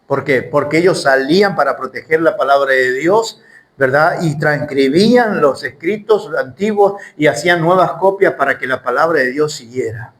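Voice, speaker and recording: Guy with a high voice preaching a bible sermon, keeps asking the crowd questions. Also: moderate pace, poor audio. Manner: emphatic, asks rhetorical questions. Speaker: Bible teacher.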